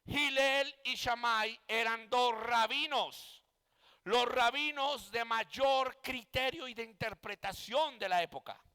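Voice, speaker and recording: A man's voice: very high-pitched, takes it slowly, bright, forceful tone, smooth, big-room sound. A male pastor teaching a Bible exegesis class, speaking emphatically, asking rhetorical questions and saying "amen" often.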